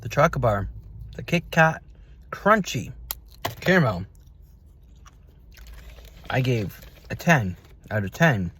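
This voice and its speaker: Slow-paced male food reviewer, lively pitch swings. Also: a little hiss or hum. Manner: halting delivery in short, broken phrases. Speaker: host of food taste test vlog. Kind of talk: casual taste-test review to camera.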